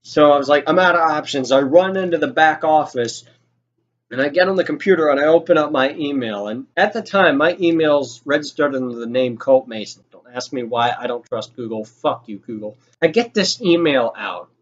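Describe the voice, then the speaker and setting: A young man with a fairly high voice tells a personal story in an animated, sweary, exasperated way, acting out what people said. He keeps a moderate pace, and the recording has a lo-fi sound.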